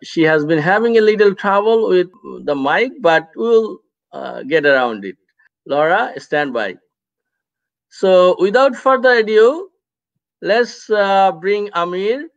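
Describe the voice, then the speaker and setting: A man with a fairly high voice introduces poets one by one, slowly, with frequent pauses. He sits well back from the mic on a video call. The sound is dull and lo-fi. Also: expressive, distant mic. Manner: slow, hesitant, many "uh" fillers. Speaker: host of an online poetry reading. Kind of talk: live online show introduction.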